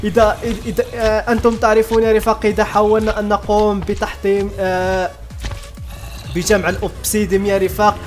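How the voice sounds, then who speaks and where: A man giving excitable gameplay commentary as a YouTuber, often stopping and restarting his sentences. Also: high voice, fast, faint music behind. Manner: excitable, many restarts and fillers. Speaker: gaming YouTuber.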